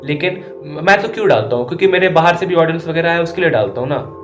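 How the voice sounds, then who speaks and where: A man's voice: a little high, lively intonation, fast, faint music behind. Tired earnest man in an echoey room. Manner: earnest, keeps checking in with listeners, mixes English into Hindi. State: tired and sleepless, tongue stumbling. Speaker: self-improvement vlogger. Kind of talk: casual motivational monologue.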